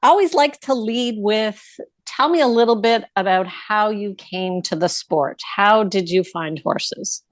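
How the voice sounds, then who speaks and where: A woman hosting a podcast, calmly welcoming her guest and asking open questions at an unhurried pace. Her voice is recorded close and dry, with no room sound. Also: medium pitch, dry recording. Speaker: podcast host. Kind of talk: interview questions.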